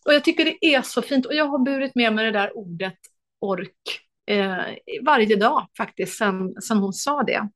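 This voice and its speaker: A woman's voice: on the high side, fairly bright tone. A woman, an author and lecturer, talking enthusiastically as an interview guest, with many hesitations.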